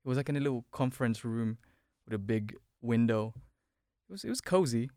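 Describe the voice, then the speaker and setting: A man's voice: medium pitch, expressive, fairly quick, warm tone, no room sound, studio quality. A young man from the Philippines, telling his childhood story in casual, rambling chat with lots of fillers and restarts. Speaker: podcast guest.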